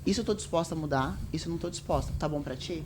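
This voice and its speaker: A woman's voice: low voice, racing, noisy background. A woman, a podcast guest chatting casually and acting out what she and others said. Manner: animated storytelling, quotes herself and others.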